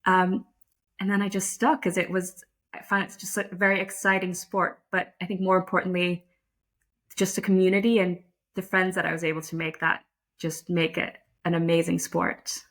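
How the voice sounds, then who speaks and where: A Dutch woman, a lacrosse umpire, is a guest in a casual interview, speaking thoughtfully and modestly with a self-deprecating streak and plenty of fillers and restarts. Her voice is lowish and a bit bright, her tone level and her pace moderate.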